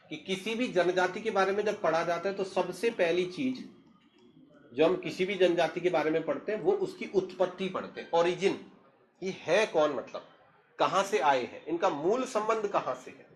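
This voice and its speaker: Man teaching a lecture, fairly high voice. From Tehri district, Uttarakhand, India. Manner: explanatory, asks the class questions and answers them himself. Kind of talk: classroom lecture.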